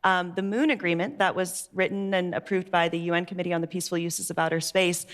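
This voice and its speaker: A woman's voice: on the low side, fairly even intonation, fast. A young woman speaking as a panelist on a conference stage into a headset mic, articulate and enthusiastic. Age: young adult. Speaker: panelist, research intern. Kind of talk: panel discussion.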